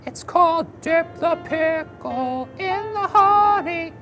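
A man voicing a silly, excitable young friend who keeps mixing up the holidays, in a giddy, high-spirited way. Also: slow pace, faint music behind, heavily acted.

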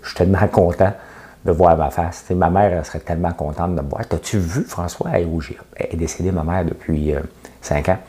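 Middle-aged quebecois guy ranting casually to his viewers, really low voice, sarcastic, says tu sais a lot. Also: fairly even intonation, quick pace, dark tone. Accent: Québécois French. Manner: chatty, sarcastic, jokes at his own expense, frequent "tu sais". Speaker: host of a daily commentary show. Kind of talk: casual opinionated monologue.

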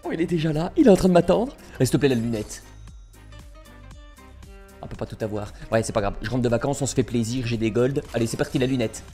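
A man's voice: medium pitch, expressive, fast talker, mellow, faint music behind. A young man commentating his gameplay in a casual, slangy way, chatting and joking with viewers. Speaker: gaming YouTuber.

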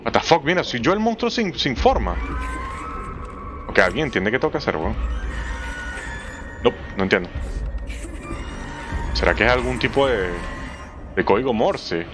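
Young man, Venezuelan Spanish accent, horror let's play commentary, very animated pitch, excitable, swears a lot, mid-pitched voice, faint music behind. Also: normal speed, pauses often. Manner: excitable, swears a lot, jumps to squeaky high exclamations.

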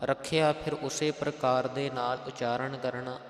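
A man teaching the correct recitation of scripture, chanting each verse slowly and then explaining how to pronounce it. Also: medium pitch, steady tone. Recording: echoey room with long reverb.

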